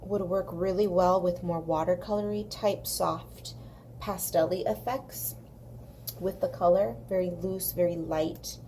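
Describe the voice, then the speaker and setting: Sitting indoors at her craft desk, a woman hosts a coloring tutorial in a lowish, mellow voice that's dry, a bit gravelly, and touched with vocal fry from a parched throat. Her slight Southern California Valley accent colors chatty, informal commentary, and she repeats things for emphasis. Background noise is audible on the recording.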